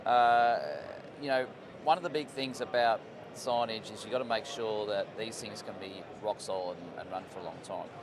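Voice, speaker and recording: A man with an Australian accent and a slightly hoarse voice, doing a casual, matey interview on a trade show floor. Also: on the low side, fairly even intonation, normal speed, hardly any pauses. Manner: informal, matey, slangy. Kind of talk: casual on-location interview chat. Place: busy trade show floor, at an exhibitor stand. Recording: busy trade show crowd noise. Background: crowd hubbub.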